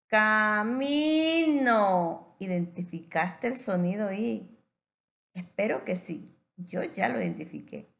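A woman teacher giving a patient phonics lesson to young children, stretching words out slowly. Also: fairly low pitch, wildly swooping pitch, gravelly, a little mellow.

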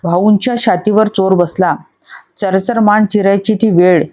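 Woman reading a storybook aloud, mellow. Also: medium pitch. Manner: steady, measured storytelling. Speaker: audiobook reader. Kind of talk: storybook audiobook narration.

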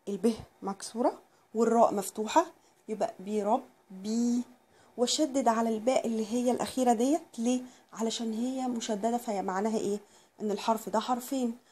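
A woman with an Egyptian accent teaching Quran recitation, explaining patiently and reciting words slowly and drawn out. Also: a little high, warm tone, husky. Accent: Egyptian Arabic.

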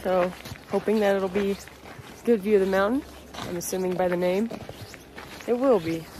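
Holding her phone at arm's length, this bubbly, chatty vlogger talks her way through a travel video, repeatedly calling things "cute little." Her voice sits in the mid-range at a normal speed over a noisy background. The clip shifts from snowy streets and ski slopes outside to a rental house inside.

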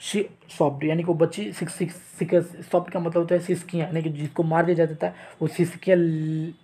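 A male teacher from India, explaining a chapter and reading its text, slow and halting, with restarts. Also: on the high side, flat delivery, mellow, breathy edge. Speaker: English teacher. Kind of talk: chapter explanation mixing Hindi and English.

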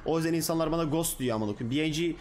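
A man's voice: on the high side, quick pace, darkish tone, a little hiss or hum. Blunt slangy male streamer. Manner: blunt, slangy, addressing chat directly. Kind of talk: casual livestream chat.

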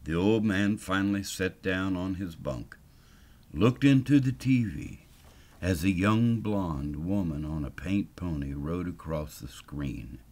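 An older man telling a first-person story in a dry, unhurried yarn-spinning way. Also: low-pitched, expressive, a little mellow.

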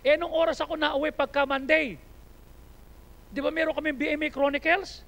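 Gravelly high-voiced Filipino preacher. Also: male voice, flat delivery, brisk, low-quality recording. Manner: preaching in Taglish, swinging from quiet asides to loud, high-pitched exhortation. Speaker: pastor. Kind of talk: sermon.

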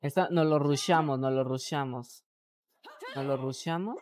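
A woman's voice: very deep voice, a little slow, a little mellow, no room sound, studio quality. A woman with a Mexican accent streaming a video game, joking crudely and talking to her chat. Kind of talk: casual live gameplay commentary.

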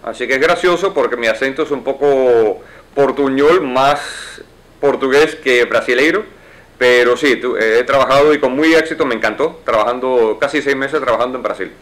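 Seated in a wood-paneled office, a male U.S. lawyer and judicial candidate in his forties answers interview questions fluently, explaining as he goes. He speaks at normal speed with a mid-range, slightly bright voice, but the recording quality is low.

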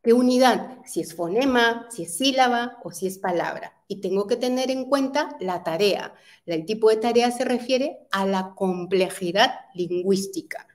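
A woman's voice: a little high, moderate pace, few pauses, darkish tone. A woman presenting an educational webinar on early literacy, explaining step by step and asking rhetorical questions.

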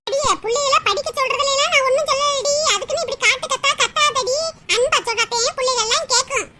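A woman voicing a sharp-tongued, meddling old grandmother with a rural southern Tamil accent in a cartoon. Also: extremely high pitch, fast talker. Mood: scolding. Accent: southern Tamil Nadu rural. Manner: loud, nagging, scornful. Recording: loud background noise.

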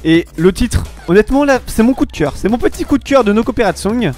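A man's voice: very high-pitched, expressive, quick pace, a little mellow, faint music behind. A young man hosting a casual web radio show in French, rambling with many hesitations and restarts and promising to get back to topics later. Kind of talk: casual solo radio-style chat.

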